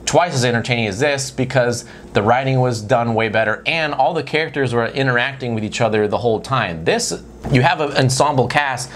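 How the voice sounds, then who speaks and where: A man's voice: medium pitch, a little fast, fairly bright tone, a little hiss or hum. A man giving a casual, chatty movie review as a co-host, speaking bluntly and informally with some swearing.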